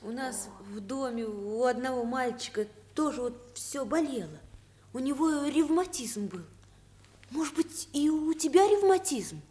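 An actress playing a sympathetic schoolchild visiting a classmate in a children's drama. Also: female voice, sits high, animated, unhurried, warm tone. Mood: concerned. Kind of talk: children's radio drama acting.

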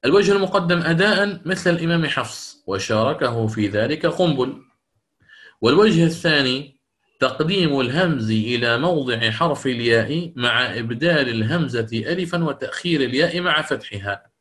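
Guy teaching recitation rules, bright clear voice, asks questions and chants the examples slow. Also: medium pitch, expressive. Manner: explains step by step and asks questions back. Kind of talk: recorded lecture on recitation rules.

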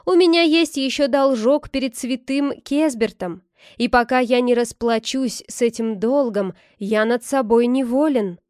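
A woman's voice: fairly high pitch, measured pace, a little mellow, dry recording, studio quality, lightly acted. A woman voicing a jolly, stout male monk who is firm and earnest about keeping his vows, in a storybook reading.

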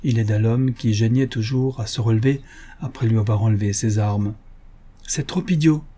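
A man reading an adventure novel aloud in a steady, measured narration. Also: on the low side. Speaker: audiobook narrator. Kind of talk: scripted narration.

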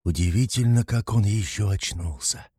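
A man reading aloud, voicing a neat, wary old doctor who speaks quietly, curtly and matter-of-factly. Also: sits low, normal speed, creaky, slightly rough, no echo, studio quality, heavily acted. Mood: grim. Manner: quiet, curt, matter-of-fact.

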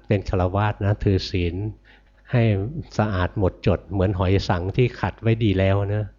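An older monk giving a dharma sermon, gentle and repetitive, often asking his listeners questions and answering them himself. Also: low-pitched, steady tone, normal speed, lo-fi sound. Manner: gentle, repetitive, ends phrases with soft particles. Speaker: Buddhist monk teacher.

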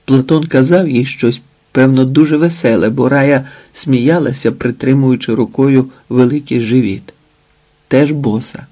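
A man narrating an audiobook novel in a slow, measured reading. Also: mid-range voice, warm tone. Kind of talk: scripted narration.

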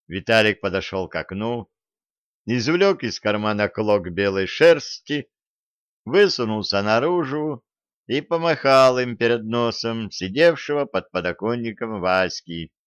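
Slow measured male storyteller. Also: lowish voice, lively intonation, clear, resonant tone, no room sound, highs cut off. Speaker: audiobook narrator. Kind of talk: storybook narration.

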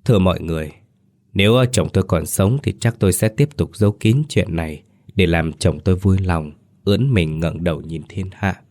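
A man voicing a sharp-tongued, scheming middle-aged village matriarch who scolds and speaks theatrically. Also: sits low, normal speed.

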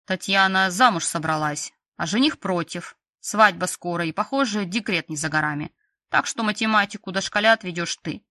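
A woman's voice: on the low side, moderate pace, pushed and bright, no room sound. A woman voicing a stern, grumbling school director. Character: stern, sarcastic female school director, middle-aged.

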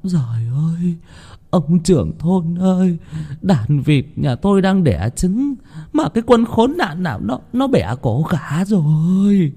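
A man voicing a tearful village woman near seventy who wails slowly. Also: high-pitched, very animated, mellow, husky, pitched above the performer's own voice, heavily acted. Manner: tearful, wailing, slow.

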